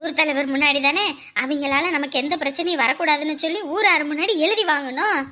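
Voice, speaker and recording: A woman's voice: sits high, fast, pushed and bright. An actress playing a fierce, protective village grandmother who scolds and exclaims in rural colloquial speech. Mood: resolute. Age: older. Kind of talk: TV serial acting.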